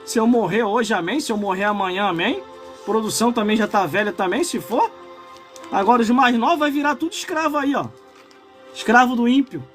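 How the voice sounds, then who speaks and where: A Brazilian man in his late forties preaches a sermon over a live stream in a high, lifted voice. He moves between fervent, shouted passages and casual remarks to his viewers, with soft music playing behind him. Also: a little fast. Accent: Brazilian Portuguese. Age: 40s. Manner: impassioned preaching that swells into shouts, broken by chatty asides to viewers. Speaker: pastor.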